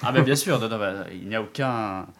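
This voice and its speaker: A man's voice: fairly low pitch, a little fast, a bit bright. A man hosting a casual sports podcast, introducing guests with teasing jokes and lots of fillers. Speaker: podcast host.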